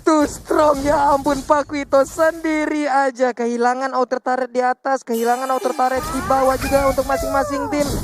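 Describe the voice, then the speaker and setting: Very high-voiced Indonesian man, excitable game commentator. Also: normal speed, hardly any pauses. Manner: excitable game announcer delivery, repeated exclamations. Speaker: esports commentator. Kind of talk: live esports match commentary. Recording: loud music behind the commentary. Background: music.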